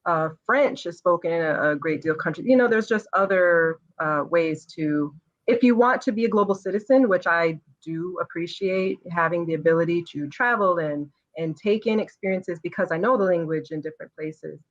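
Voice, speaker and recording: A woman guest in a casual interview, speaking in a measured, reflective way. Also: on the low side, highs cut off.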